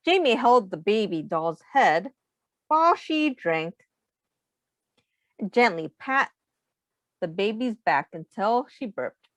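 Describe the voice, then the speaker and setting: Reading aloud from a children's storybook, a woman uses an expressive, plain teacher's style and pauses to pose questions to the young audience. Her voice is mid-range, and the sound has no echo.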